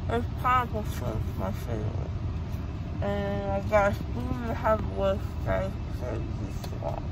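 Groggy, slow, slurred young after wisdom teeth. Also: mid-range voice, big pitch swings, far from the mic. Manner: slurred, mumbling, childlike. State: groggy after wisdom teeth removal, mouth full of gauze. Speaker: patient just after wisdom tooth removal, filming self. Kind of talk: casual rambling vlog chat. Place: inside a car. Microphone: phone at arm's length. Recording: loud car noise, off-mic phone recording.

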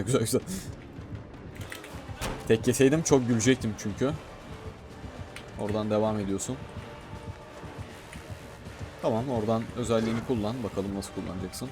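A man commentating his own gameplay in a casual, excitable way, often shouting and talking to himself. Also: mid-range voice. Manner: excitable, shouts and talks to himself while playing. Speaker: gaming streamer.

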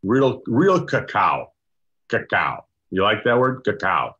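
An older man, a doctor, explaining a product in casual chat over a video call, halting with many restarts and fillers. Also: fairly low pitch, very animated, sharp tone, slightly rough. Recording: dull lo-fi video call audio.

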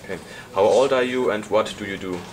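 A man's voice: lowish voice, brisk, noisy background. A man acting as interviewer, putting short, simple prepared questions to someone. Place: indoor room, off camera.

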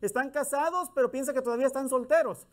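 A man's voice: extremely high pitch, quick pace. A middle-aged male minister, giving a folksy, conversational sermon with acted-out bits of dialogue.

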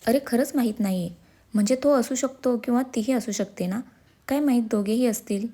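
Mischievous young wife from a storybook, read by a woman, sly and teasing. Her voice is mellow and soft-edged. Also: on the high side, brisk. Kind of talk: storybook character reading.

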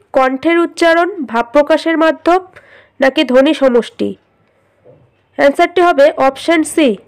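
A woman reading multiple-choice exam questions aloud in Bengali-accented speech, listing each option and then stating the answer in a steady teaching manner. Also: high-pitched.

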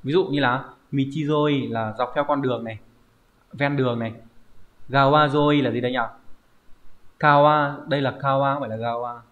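A man's voice: medium pitch, steady tone, fairly quick, fairly bright tone. A man teaching a Japanese vocabulary lesson online, explaining step by step and often checking with "right?". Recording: dull lo-fi recording.

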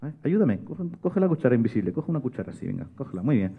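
A man's voice: medium pitch, sing-song, racing, vocal fry, husky, narrow, tinny audio. A young man, a children's magician and storyteller who coaxes and jokes with a young volunteer. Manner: coaxing, playful, talks to a child volunteer. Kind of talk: live children's show.

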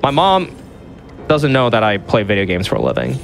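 Over game music and sound effects, a speedrunner playing live jokes around, exaggerating his own failings in casual commentary. His medium-pitched voice is sing-song and creaky, at a normal speed.

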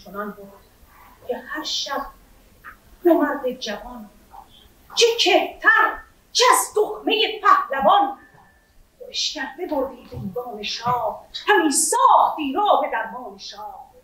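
A woman delivers epic teahouse storytelling in Iranian Persian. Her high voice declaims theatrically, heard from a distance in an echoing auditorium. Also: big pitch swings, bright, forceful tone, slight background noise. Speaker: stage storyteller. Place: stage of a theatre hall. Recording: echoey auditorium, distant microphone.

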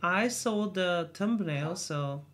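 A woman's voice: on the low side, animated, slow pace, soft background music. A woman hosting a reaction video, thinking aloud in short bursts and repeating words as she watches. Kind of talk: casual reaction commentary.

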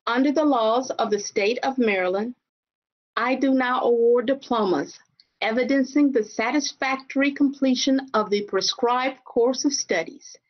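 A woman's voice: a little high, dull audio. A school board member, a woman, solemnly reading a formal declaration over a video call.

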